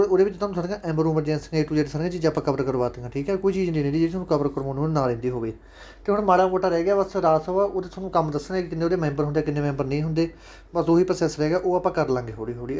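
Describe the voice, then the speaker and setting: With a slightly high, warm voice and a Punjabi accent, this man teaches an online exam-prep class. He's chatty and fatherly, calling his students "sons" and going over key points again and again in a casual lecture.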